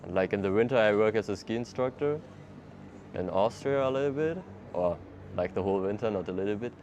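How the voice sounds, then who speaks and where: The lo-fi recording, with slight background noise, captures a fairly low-pitched man speaking fairly quickly. He's a young German traveler in a casual street interview outdoors in a city, answering in English with a German accent. Easygoing and laughing often, he uses loose non-native phrasing.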